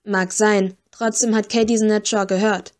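A woman's voice: medium pitch, flat delivery, normal speed, a little mellow, close to an everyday voice. Woman voicing a composed young female agent. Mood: measured.

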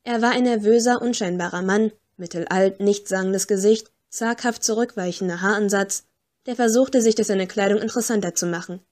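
A woman's voice: medium pitch, brisk, darkish tone. A woman giving scripted first-person audiobook narration in a dry, wry storytelling manner.

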